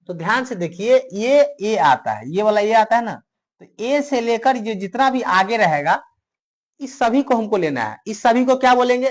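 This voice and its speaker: A male teacher with a north Indian Hindi accent, giving a chemistry lecture that repeats each question and answers it himself for the class. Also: high voice. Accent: Hindi-speaking north Indian. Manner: repetitive question-and-answer drilling.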